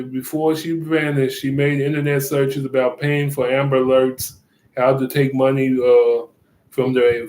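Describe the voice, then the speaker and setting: Rambling man, echoey room. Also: mid-range voice. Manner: rambling, halting, many fillers and restarts; chuckles often. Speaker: commentator. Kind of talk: casual commentary.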